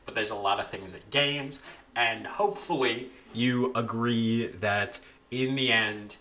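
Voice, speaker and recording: A young man casually talking through how he edits recordings of his own singing, relaxed and with frequent restarts. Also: mid-range voice, unhurried. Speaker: video creator explaining vocal editing. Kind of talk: casual voice-over tutorial.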